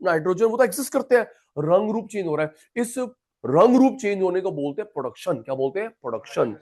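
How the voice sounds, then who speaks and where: A man's voice: high voice, big pitch swings, a little fast, darkish tone. A man teaching an economics class, chatty and repetitive, calling students by name. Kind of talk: classroom lecture.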